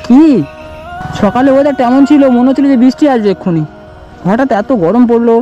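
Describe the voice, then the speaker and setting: A man talks gently and coaxingly to his small daughter while vlogging outdoors in the shade. His voice is mellow and warm at a middling pitch. The recording sounds dull and lo-fi, with faint music behind. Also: fairly quick. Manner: coaxing, doting, talks softly to a small child. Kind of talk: casual vlog talk to a child. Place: outdoors in tree shade on a hot day.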